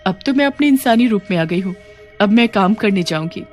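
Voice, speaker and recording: A woman's voice: medium pitch, expressive, fairly quick, darkish tone, soft background music, natural voice. A woman voicing a widowed mother who has become a witch ghost in a cartoon, speaking in a lamenting, emotional way. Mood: tender.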